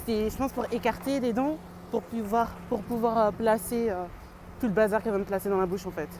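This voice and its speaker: A woman's voice: fairly high pitch, fairly even intonation, brisk, a little mellow, a little hiss or hum. A woman vlogger chatting casually and slangily, as if to friends. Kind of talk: casual vlog chat.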